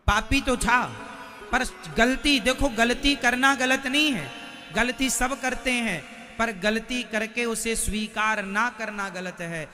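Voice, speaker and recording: Man, high voice, devotional preacher, deliberate pace, questions the crowd, long hall reverb, faint music behind. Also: sharp tone. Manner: slow, emphatic, addresses listeners directly with questions. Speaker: preacher of religious storytelling. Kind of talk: devotional sermon with sung verses.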